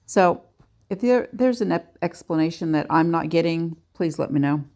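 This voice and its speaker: A woman's voice: low voice, animated, normal speed, dark tone. A woman giving a chatty, self-deprecating nail art tutorial in a casual voice-over.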